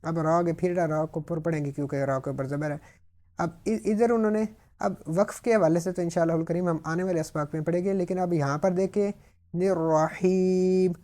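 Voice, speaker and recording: Mellow-voiced man teaching Tajweed rules. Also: on the high side. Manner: patient step-by-step explanation, slowly modelling words. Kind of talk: explaining recitation rules.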